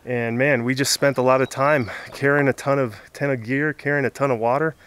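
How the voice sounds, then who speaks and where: Worn out from a hard climb, a hiking vlogger from Southern California, in his thirties, talks to his handheld camera at arm's length from a mountain summit, chatting and laughing often. His mid-range voice is clear and resonant, fairly bright, with a steady tone and a fairly quick pace.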